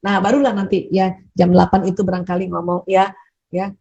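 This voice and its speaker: A woman speaker answering audience questions in a gentle, conversational advice talk, often repeating words and adding little tag words. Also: lowish voice, level tone, fast talker, creaky, slightly rough, muffled recording.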